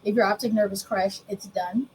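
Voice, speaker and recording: A woman's voice: mid-range voice, fairly even intonation, moderate pace, darkish tone, a little hiss or hum, poor audio. A woman in her thirties from the United States, candidly telling her own story as an interview guest, plain and self-mocking. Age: 30s. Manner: candid, explains plainly, laughs at herself.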